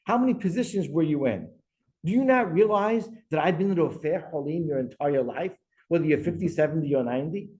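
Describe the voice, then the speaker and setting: A man's voice: a little high, a little mellow, rough recording. A man, a rabbi, giving a Torah class lecture. He speaks emphatically, asks rhetorical questions and weaves Hebrew verses into his English explanation.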